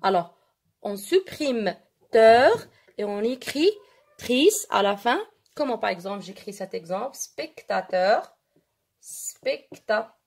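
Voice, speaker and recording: Lady teaching french, fairly high voice, goes over words slow and keeps asking "d'accord?". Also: expressive, darkish tone. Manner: switches between French and Arabic, repeats words slowly and asks "d'accord?". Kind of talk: classroom-style French grammar lesson.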